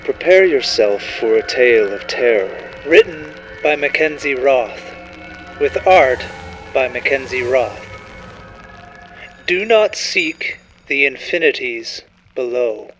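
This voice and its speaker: Guy doing a creepy vintage horror narrator host, real slow and theatrical, menacing, music behind him. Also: mid-range voice, lively intonation, fairly bright tone, rough recording. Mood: ominous, inviting. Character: ominous theatrical male horror show host. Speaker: show host and announcer.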